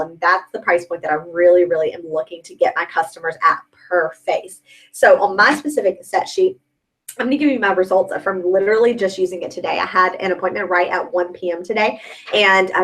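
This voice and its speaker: A woman's voice: mid-range voice, fairly bright tone, low-quality recording. A young woman coaching a sales team in a chatty, upbeat way, often checking in with "okay?". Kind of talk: sales training talk.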